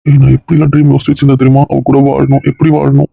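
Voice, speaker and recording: A man's voice: medium pitch, completely flat delivery, no room sound. A young man acting as a jilted, heartbroken man who complains bitterly about losing his future. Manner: gravelly, rushed, self-pitying complaints. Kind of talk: web series drama acting. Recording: dull, muffled dry audio.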